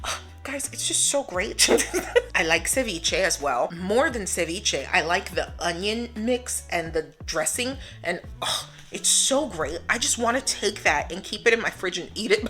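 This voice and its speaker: Bright, chatty American woman vlogging. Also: fairly low pitch. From United States. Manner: chatty and upbeat, laughs often. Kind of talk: casual vlog talk to camera.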